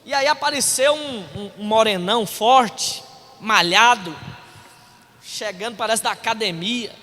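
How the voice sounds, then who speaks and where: A male pastor preaching a sermon, telling stories with acted-out dialogue and rising to shouts. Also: sits high, a little slow. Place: church hall. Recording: reverberant church hall.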